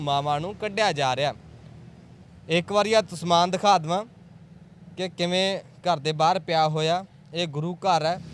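A man reporting from a street at night for a news channel, earnest and emotive, asking rhetorical questions before interviewing people. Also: high-pitched. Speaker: field reporter. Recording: faint traffic noise outdoors.

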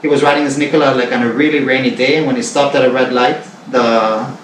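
A man's voice: mid-range voice, fairly even intonation, fast talker, slight background noise. A man in his forties from Canada, talking casually to camera in his living room and rambling with many fillers and repeats. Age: 40s. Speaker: vlogger. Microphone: far camera on a tripod. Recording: roomy, distant camera sound.

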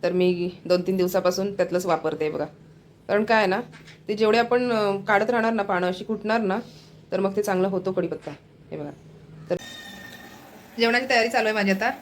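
A woman's voice: mid-range voice, brisk, long pauses, a little hiss or hum. A woman casually narrating a family home vlog from her kitchen, chatty and always pointing things out. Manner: chatty, keeps saying look here, coos at her pet. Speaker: family vlogger.

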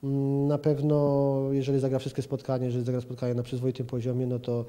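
A man in his forties answers questions as a football pundit in a TV sports interview, hesitating and restarting, with many fillers. He speaks fast in a monotone, with a medium-pitched, dark, smooth voice. A reporter's handheld mic is held toward him in an indoor office room with a plant.

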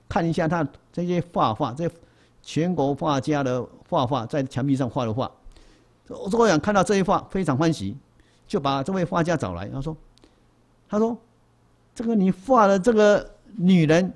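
A man, a Buddhist monk, lecturing in a hall and telling a long story with lively exclamations. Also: fairly high pitch, normal speed.

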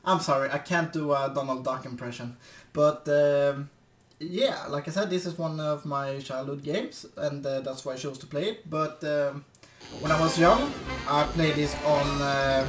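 Echoey, low-key young man gaming. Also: measured pace. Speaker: let's play host. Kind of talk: casual gameplay commentary. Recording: echoey, distant mic, game audio. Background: video game music.

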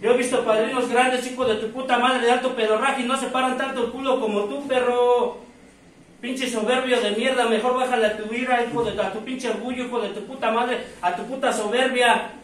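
Mexican man, strained high shouting, profane and confrontational; heard from a distance in a very echoey room. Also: fairly even intonation, a little fast, slight background noise. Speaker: speaker at a recovery group meeting. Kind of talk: confrontational testimony. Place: recovery group meeting room. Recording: very echoey hall, distant mic, crowd.

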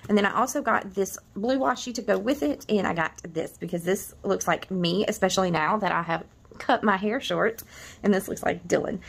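A middle-aged woman talks through her planner supplies in a loose show-and-tell, her voice carrying a gravelly, creaky edge. She rambles, restarts her thoughts and trails off, with a tender, wistful warmth underneath. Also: mid-range voice, moderate pace. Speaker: planner vlogger.

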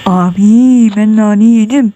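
A nervous, sweating gamer narrates his horror game run in a high, warm voice, speaking slowly over a slight hiss or hum. Tense and jumpy, he mutters prayers and exclamations and yelps whenever something startles him.

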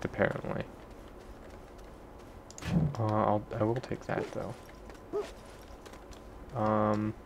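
A man's voice: fairly low pitch, slight background noise. A young man giving casual, rambling gameplay commentary, self-deprecating and swearing offhandedly. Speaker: gaming video creator.

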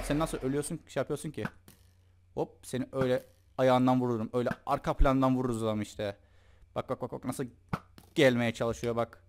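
A man's voice: mid-range voice, noisy background. A young man giving casual, joking commentary over his own gameplay and talking to the creatures in the game. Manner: chatty, joking, talks to the game's mobs. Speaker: gaming YouTuber.

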